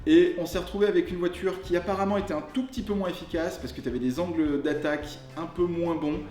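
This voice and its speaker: Higher-pitched man, jokey car reviewer. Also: fairly even intonation, quick pace, darkish tone. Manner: jokey, colloquial, tongue-in-cheek. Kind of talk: casual car review to camera. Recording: roomy echo with music underneath. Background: music.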